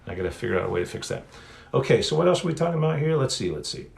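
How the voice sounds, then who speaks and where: Recorded on a phone set on a stand with slight background noise, a middle-aged author chats alone on a livestream Q&A. His gravelly, medium-pitched voice is very animated and fast, and his talk rambles as he keeps correcting himself.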